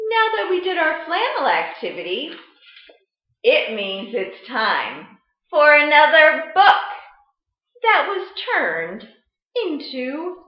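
A children's librarian in her thirties leads a storytime read-aloud, her voice a little high and her teaching delivery expressive, sing-song and deliberate. She's recorded indoors on a webcam or laptop mic held at arm's length, giving a roomy, slightly dull sound.

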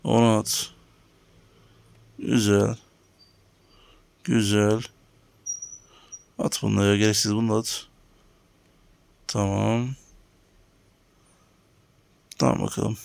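A man's voice: lowish voice, little pitch movement, slow, vocal fry, long pauses, darkish tone, a little hiss or hum. A man giving casual commentary on his own game, talking to viewers and grumbling about lag. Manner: talks to viewers while playing, grumbling at lag. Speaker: gaming channel host. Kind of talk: casual let's-play commentary.

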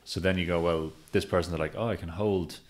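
A man's voice: low-pitched, a little fast. A man co-hosting a podcast as a handstand coach, explaining points with quoted examples and stories. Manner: lively storyteller, acts out quotes. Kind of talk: casual podcast conversation.

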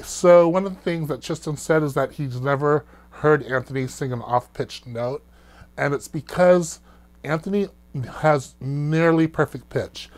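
A man working as a vocal coach, reacting to clips and explaining singing techniques in an easygoing teaching manner. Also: fairly high pitch. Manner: explanatory, demonstrates vocal techniques with sounds and laughs. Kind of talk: reaction video commentary.

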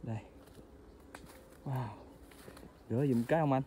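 A man narrating a casual food vlog outdoors by a stream, chatting to his viewers as family with excited exclamations. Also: medium pitch, a little slow, slight background noise. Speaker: food vlogger.

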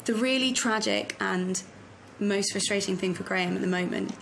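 A woman's voice: mid-range voice, normal speed, vocal fry, a little hiss or hum, poor audio. A woman speaking earnestly in an interview to camera, speeding up when she stresses a point.

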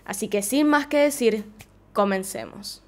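A young woman with an Argentine accent, hosting her true-crime channel and telling the case in calm, measured, scripted narration, recorded at home on a desk mic. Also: fairly high pitch, very noisy. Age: young adult. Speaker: true-crime vlogger host. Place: living room at home. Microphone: studio mic on desk.

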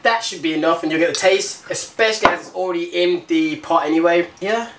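A British fitness vlogger in his twenties chats casually to the camera, explaining things as he goes, in a slightly high, brisk voice. He's indoors in a small home kitchen, and the recording carries a roomy echo along with clear background noise.

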